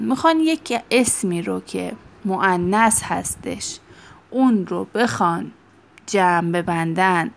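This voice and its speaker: Woman teacher, mid-pitched, running a grammar lesson. Poses questions and answers them herself, drawn-out stress on examples. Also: gravelly.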